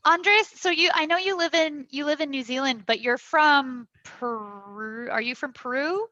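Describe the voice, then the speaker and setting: A woman hosting an online event over a video call, chatty and upbeat, talking in quick restarts. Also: sits high, sharp tone, no echo, dull audio. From United States. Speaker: event host. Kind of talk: casual video call chat.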